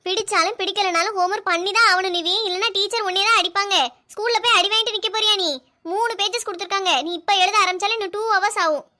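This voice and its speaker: Woman as a sharp, nagging young mother. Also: very high-pitched, steady tone, fast. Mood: stern. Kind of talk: cartoon voice acting.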